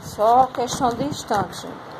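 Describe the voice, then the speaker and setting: High-pitched lady teacher going thru exercises slowly, patient, bit of noise behind. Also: lively intonation. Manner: patient, explaining step by step, drawn-out words. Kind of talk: recorded class lesson correcting exercises.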